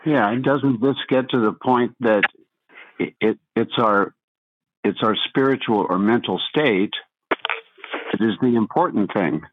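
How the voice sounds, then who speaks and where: A man's voice: on the low side, unhurried, long pauses, slightly rough, dry recording. A man commenting reflectively in a group discussion, putting his points as rhetorical questions. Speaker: discussion participant. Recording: dry narrow phone line.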